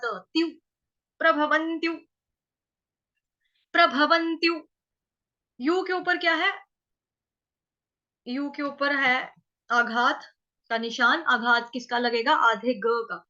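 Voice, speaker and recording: Woman chanting teacher, slow patient drilling, bright tone; muffled online-class audio. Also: on the high side. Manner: slow syllable-by-syllable drilling, repeating words many times. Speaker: Sanskrit recitation teacher.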